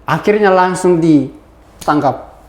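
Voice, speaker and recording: A man's voice: fairly high pitch, slow pace. A young man, telling his life story as an interview guest and acting out the voices of the people in it. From Ambon. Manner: animated, acts out quoted voices. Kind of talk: personal testimony storytelling. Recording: echoey room.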